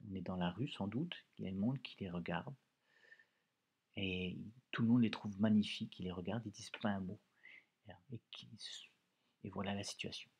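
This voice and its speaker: A man's voice: on the low side, moderate pace, pauses often, a little mellow, husky. A male teacher leading a reading lesson for pupils, explaining words patiently and repeating phrases.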